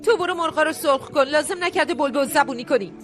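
A woman dubbing a sharp-tongued middle-aged mother who runs a restaurant and scolds with heavy sighs. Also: high-pitched, faint music behind, natural voice. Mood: scolding. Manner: scolding, sighing. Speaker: restaurant owner. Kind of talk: dubbed drama acting.

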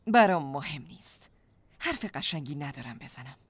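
A woman's voice: sits low, big pitch swings, husky, dry recording, heavily acted. A woman playing a bitter teenage girl. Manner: bitter, rising to shouting. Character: angry teenage girl confronting her mother. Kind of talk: dubbed drama.

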